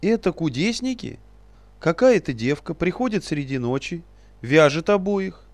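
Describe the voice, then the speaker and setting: A man doing a fussy little male wizard-boss in a storybook, shrieking and stamping with indignation, voice jumping high and loud above the reader's own. the outbursts swing wildly up and down. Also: very animated, unhurried, no room sound. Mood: outraged. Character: shrill fussy male sorcerer-official, easily outraged.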